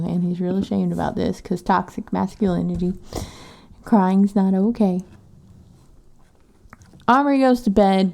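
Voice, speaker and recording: A woman's voice: medium pitch, vocal fry, warm tone. A woman, recapping a book on a podcast in a casual, sarcastic, swearing way. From Texas. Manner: profane, sarcastic. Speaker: podcast co-host.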